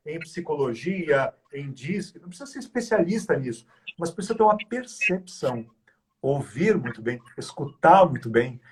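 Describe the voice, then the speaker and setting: A man's voice: on the high side, slight background noise. A man speaking as a guest on a live chat, explaining in a didactic way, listing examples and asking rhetorical questions.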